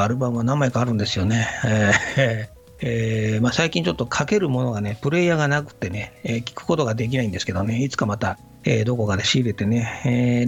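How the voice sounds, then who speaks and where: Give me a man with a gravelly voice, chatting politely as a radio host over faint music. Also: mid-range voice. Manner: polite, unhurried, many fillers and 'ne' tags. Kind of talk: casual radio talk. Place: radio studio.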